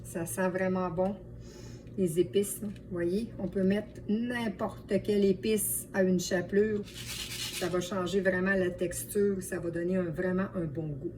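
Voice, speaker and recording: A woman's voice: on the low side, fairly even intonation, unhurried. A woman with a Quebec French accent chatting to viewers as friends while giving a casual cooking demonstration as a home cook. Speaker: home cook and video host. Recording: distant mic, light background noise.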